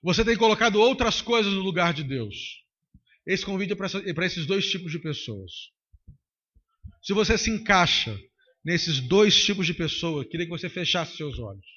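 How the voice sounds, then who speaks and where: A man preaching a sermon with emphatic repetition. His voice is high and bright. It is caught on a handheld mic in a dull, lo-fi recording. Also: expressive, moderate pace. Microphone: handheld microphone.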